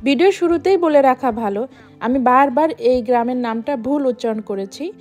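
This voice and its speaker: A woman's voice: high-pitched, animated, brisk, a little mellow, faint music behind. A woman from Bangladesh, a travel vlogger, narrating a voice-over in a reflective, explanatory way.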